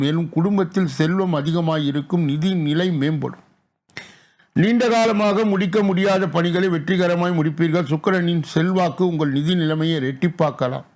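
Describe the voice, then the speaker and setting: A male astrologer, reading out astrology rules in slow, deliberate, evenly spaced phrases. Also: fairly high pitch. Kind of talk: reading daily astrology segments.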